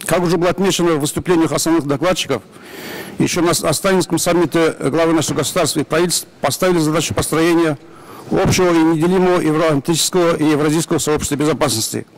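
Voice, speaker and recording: A male delegate from Kazakhstan delivers a prepared statement at an assembly in a brisk, official reading voice. His voice sits somewhat high for a man, and he races through the text at a fast clip, pausing only to clear his throat. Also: rough recording. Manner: reads quickly and officially, clears throat at times. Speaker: parliamentary delegate. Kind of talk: formal prepared speech. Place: assembly hall.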